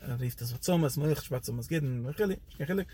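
A man's voice: fast talker, husky. A man teaching a Torah lecture in a loose, rambling way, his voice jumping up and down for emphasis. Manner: animated, pitch jumps up and down for emphasis.

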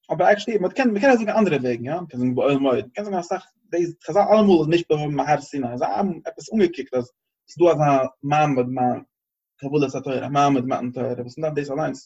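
A man giving a Torah class, reasoning aloud in a halting, searching way and often repeating phrases. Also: mid-range voice, warm tone, slightly rough, lo-fi sound. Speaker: Torah teacher.

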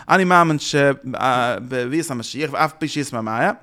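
A man giving a Torah lecture with an animated, chant-like delivery, repeating words and breaking into sudden loud bursts. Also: mid-range voice, unhurried. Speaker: Torah teacher. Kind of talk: Yiddish-inflected Torah lecture.

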